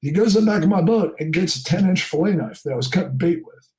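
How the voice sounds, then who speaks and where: A middle-aged charter fishing captain from New Jersey tells a story in a podcast interview and acts out the people in it. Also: male voice, high-pitched, expressive, fast, crowd noise. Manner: acts out quoted people in raised voices.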